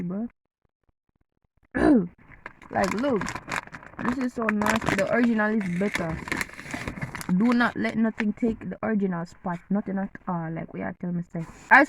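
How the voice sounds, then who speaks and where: A woman's voice: medium pitch, fairly bright tone, slight background noise, low-quality recording. A woman from Jamaica with a Jamaican accent, chatting playfully to camera and eating as she talks. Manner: playful, teasing, eating while talking. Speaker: vlogger. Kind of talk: casual chat to camera.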